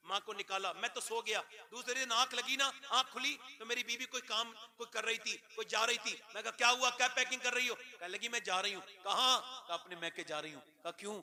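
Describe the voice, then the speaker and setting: A high-voiced male Islamic preacher tells a story in an emotional sermon, swinging between loud exhortation and hushed, tearful passages.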